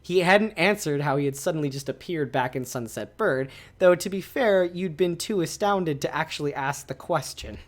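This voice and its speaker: A man's voice: a little high, moderate pace, few pauses. A male streamer reading a visual novel aloud, reacting animatedly to its choices.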